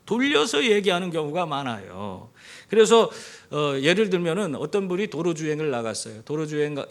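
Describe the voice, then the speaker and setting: Lively pastor preaching with rhetorical questions. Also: male voice, a little high. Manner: engages the congregation with rhetorical questions; animated storyteller. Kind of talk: sermon with humorous anecdotes. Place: church.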